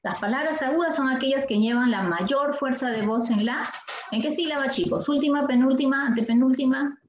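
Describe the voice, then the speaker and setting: Peruvian woman teacher drilling spelling rules. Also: sits high. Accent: Peruvian Spanish. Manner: questioning, repeats words slowly to drill the class. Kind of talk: language lesson. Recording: echoey room, dull sound, faint noise.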